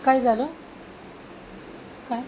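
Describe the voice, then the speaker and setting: A woman gently coaxing and questioning a small child at home. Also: a little high, level tone, slow pace, dull audio, a little hiss or hum. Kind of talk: talking softly to a small child.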